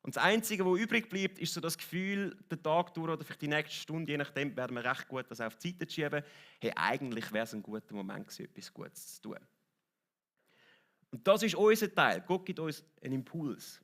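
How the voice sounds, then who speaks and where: Swiss pastor preaching in a chatty way. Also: male voice, on the high side, animated, a little fast, hardly any pauses, fairly bright tone. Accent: Swiss German. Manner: conversational, lightly joking, asks the audience "oder?". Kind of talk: sermon. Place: church hall.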